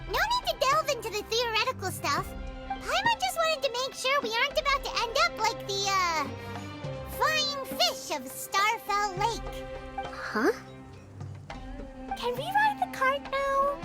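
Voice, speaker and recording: A woman voicing a tiny, excitable, childlike girl character with a squeaky, bubbly delivery in a video game. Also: unhurried, full character voice. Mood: chirpy, curious. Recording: music behind the voice.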